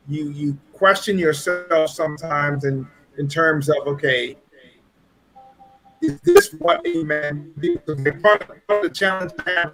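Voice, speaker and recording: A man's voice: a little high, sharp tone, low-quality recording. A man from Trinidad with a Trinidadian accent, a pastor and guest, telling his story in an earnest, reflective way. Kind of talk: casual chat.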